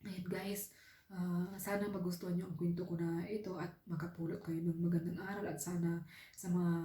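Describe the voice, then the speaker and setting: With a lowish, dark voice in reverberant surroundings, a woman from the Philippines working overseas as a domestic helper shares her life in a casual vlog. She's sincere and heartfelt, frequently turning to her audience with "guys."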